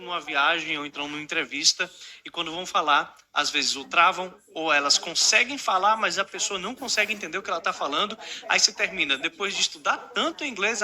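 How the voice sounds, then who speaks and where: A Brazilian man, an English teacher, pitching his course and teaching a lesson, talking straight to the viewer. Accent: Brazilian Portuguese. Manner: animated, talks straight to the viewer.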